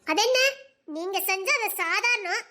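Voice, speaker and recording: A woman's voice: very high-pitched, measured pace, sharp tone, exaggerated voice. A woman playing a hurt young village wife who speaks sharply and bitterly to her husband. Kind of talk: audio drama acting.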